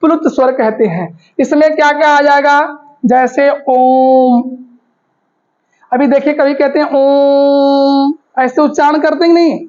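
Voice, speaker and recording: A woman's voice: high voice, a little fast, darkish tone. A woman teaching grammar, asking the class questions and answering them herself, repeating the key terms. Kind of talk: Hindi grammar lesson. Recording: dull lo-fi recording.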